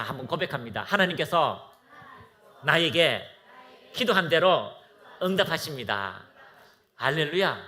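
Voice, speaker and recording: A man's voice: medium pitch, bright, forceful tone. A man preaching a fervent sermon as pastor of a church, exhorting and leading the congregation to recite aloud.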